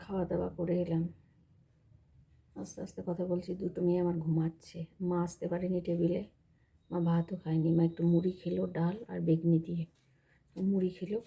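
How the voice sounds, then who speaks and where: A woman's voice: fairly low pitch, little pitch movement, fast talker, creaky, dark tone, husky. A woman chatting casually in a home vlog, explaining things as she shows them around her house. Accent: Bengali. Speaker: vlogger.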